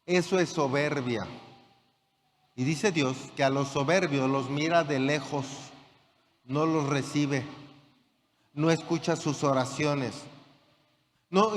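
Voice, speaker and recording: A man's voice: a little high, slight background noise. A man preaching a sermon as pastor, building fervor and checking that the congregation follows. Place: church hall. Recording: church hall reverb with faint room ambience.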